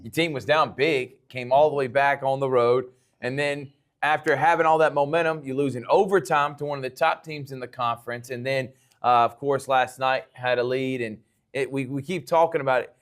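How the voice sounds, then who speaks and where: A man's voice: mid-range voice, steady tone, moderate pace. An American man hosting a local sports interview show, chatty and encouraging as he builds up long questions.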